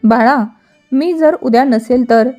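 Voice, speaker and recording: A woman's voice: sits high, slow, faint music behind. A woman reading a frail, tender old mother. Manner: soft, sorrowful.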